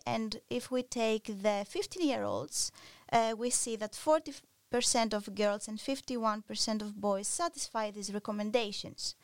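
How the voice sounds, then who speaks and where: Lady researcher, slightly high voice, smooth, lots of uhs and ums. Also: no room sound. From Greece. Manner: measured, pausing often with filler sounds. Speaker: researcher guest. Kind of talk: podcast interview explanation.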